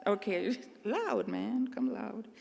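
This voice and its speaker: A middle-aged woman from Trinidad and Tobago, giving an earnest, measured commencement address at a podium microphone. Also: medium pitch, animated, vocal fry, darkish tone, a little hiss or hum. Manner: earnest, measured, speaking to a crowd. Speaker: convocation speaker. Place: large convocation hall. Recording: long hall reverb.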